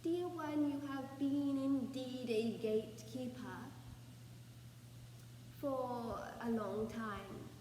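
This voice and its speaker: A woman speaking as a seance medium channelling spirit messages, with formal, ceremonial phrasing and deliberate pauses. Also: high voice, steady tone, mellow. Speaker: trance channeller, spirit medium leading a session. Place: echoey room, away from the microphone. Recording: roomy, reverberant, distant mic, faint noise.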